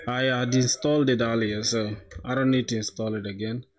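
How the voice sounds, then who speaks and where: A young man from South Sudan talks through his code on a livestream, thinking aloud in relaxed slang. His voice sits at an ordinary middle pitch and jumps up when something excites him. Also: fairly quick. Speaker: coding livestreamer. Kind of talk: casual live coding commentary.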